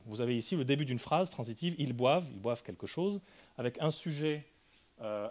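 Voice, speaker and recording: A man presents an academic talk in a careful, explanatory way. His voice sits at an ordinary middle pitch. He pauses often, filling gaps with hesitations and restarting phrases. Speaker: linguistics lecturer.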